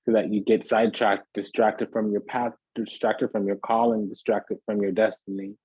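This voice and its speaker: A man's voice: on the low side, level tone, normal speed, a little mellow, slightly rough, dry recording, dull audio. A man giving a casual, rambling tarot reading to viewers, piling up phrases in lists and checking in with "does that make sense?". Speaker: tarot reader.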